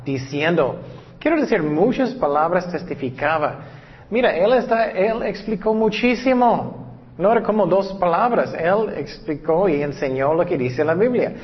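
A man preaching a sermon, reading scripture slowly and deliberately, with hesitant pauses and frequent fillers. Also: high voice, lively intonation. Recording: dull recording with long reverb.

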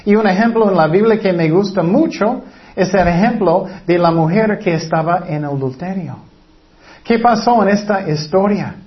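A man preaching a sermon, retelling a scripture story and asking his listeners many rhetorical questions. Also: high voice. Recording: dull lo-fi recording.

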